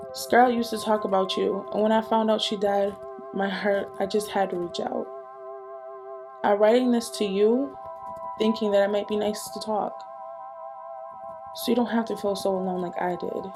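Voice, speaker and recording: A woman's voice: medium pitch, close to an everyday voice. A woman reading as an earnest young letter writer over music.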